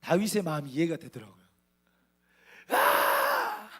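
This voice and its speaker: Man, 30s, missionary preacher, humorous storytelling, acts out dialogue, animated pitch. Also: fairly quick. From Korea. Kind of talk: storytelling sermon.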